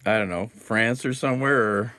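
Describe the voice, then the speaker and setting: A man hosting a casual live chat, rambling and musing aloud with soft chuckles. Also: on the low side, normal speed. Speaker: livestream host.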